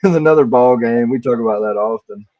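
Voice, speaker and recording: A man's voice: mid-range voice, fairly quick, dry recording, highs cut off. A man in his late thirties from Georgia, hosting a casual chat in a laid-back, slangy way. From Georgia, USA. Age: 30s. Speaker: host.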